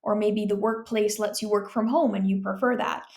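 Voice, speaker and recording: A young woman from Ontario, Canada, working as an exam tutor, explaining speaking-test questions in a relaxed, chatty way with many fillers and tag questions. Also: medium pitch, moderate pace. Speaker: IELTS tutor.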